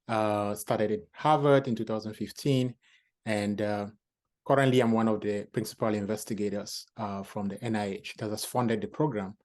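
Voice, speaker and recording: A man from Cameroon, founding director of a health program, explaining its background in a measured way with many fillers. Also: lowish voice, a little mellow. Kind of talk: panel conversation.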